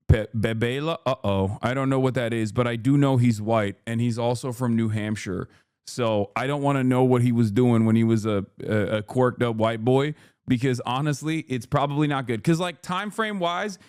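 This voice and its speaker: A man's voice: medium pitch, darkish tone, clear, resonant tone, no room sound. A man in his thirties, raised in Turkey, chats loosely and profanely over clips he is reacting to. He rambles and throws in joking asides. The recording is dry and close. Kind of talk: casual reaction commentary.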